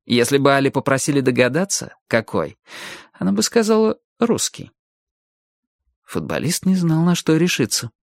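Lively male audiobook narrator, dry sound. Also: mid-range voice, brisk, creaky, no room sound. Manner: lively, animated reading.

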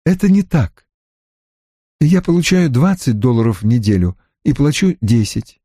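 A man's voice: mid-range voice, big pitch swings, normal speed, mellow, dry recording, studio quality. A man reading an audiobook, voicing a young woman secretary who answers plainly and firmly.

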